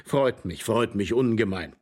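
A man's voice: fairly low pitch, lively intonation, a little slow, a little mellow, husky. A man voicing a flustered jealous husband. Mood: fawning. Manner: anxious, fawning, subdued. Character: flustered jealous middle-aged husband in fur coat.

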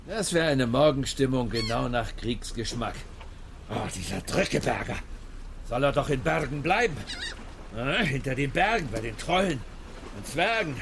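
A man's voice: medium pitch, creaky, fairly bright tone, a little hiss or hum. An actor playing a fussy male traveller who mutters to himself in an audio drama.

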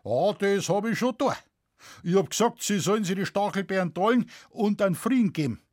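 A burly Bavarian forest warden answers in blunt, earthy dialect, as a male reader plays him. His voice sits high for a man and swings lively. It has a husky grain. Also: fairly quick, no echo, clean studio sound. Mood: aggrieved.

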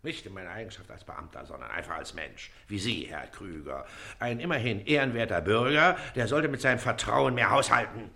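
An actor playing a pompous, impatient district official in a radio play, talking down to the people before him. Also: male voice, fairly low pitch, expressive, a little fast, creaky, few pauses, pushed and bright, heavily acted. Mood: condescending. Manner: condescending, lecturing.

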